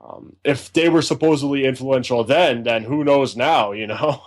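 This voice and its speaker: A man's voice: medium pitch, moderate pace. Rambling, enthusiastic male music reviewer. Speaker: podcast co-host, music reviewer. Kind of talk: casual podcast chat.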